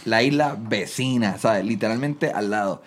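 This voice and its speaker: A man with a Puerto Rican accent, a comedian guest on a podcast, telling stories in an animated way and acting out quotes. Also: on the low side, normal speed, noisy background. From Puerto Rico. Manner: animated storytelling, acts out quotes. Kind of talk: casual podcast chat.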